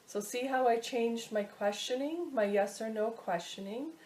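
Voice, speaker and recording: A woman casually teaching a step-by-step technique, often pausing to search for her words. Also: fairly high pitch, darkish tone. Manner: halting, searching for words as she explains. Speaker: instructor teaching a pendulum technique. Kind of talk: casual instructional video talk.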